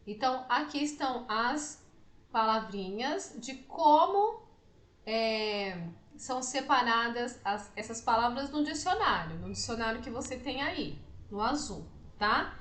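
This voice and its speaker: Woman teacher, Brazilian Portuguese accent, slow careful explaining, somewhat high voice, echoey room. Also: animated, a bit bright. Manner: asks questions and checks understanding often. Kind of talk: slow, deliberate classroom explanation to students.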